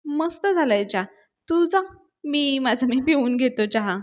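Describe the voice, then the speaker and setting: A woman's voice: high voice, expressive, unhurried. A woman voicing a boastful, teasing older village father-in-law in a sing-song manner.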